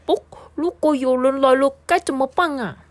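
A woman's voice: moderate pace, dry recording, natural voice. A woman voicing a timid, worried little goldfish that stammers, while reading a picture book aloud. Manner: fretful, stammering, high and pleading.

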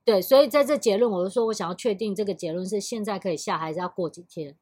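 A woman with a Taiwanese Mandarin accent co-hosting a podcast. She tells workplace stories in a relaxed chat and acts out both sides of the conversations she retells. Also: mid-range voice, quick pace, slightly rough, no echo, clean studio sound. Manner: storytelling, acts out both sides of quoted dialogue. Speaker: podcast co-host. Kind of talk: casual chat.

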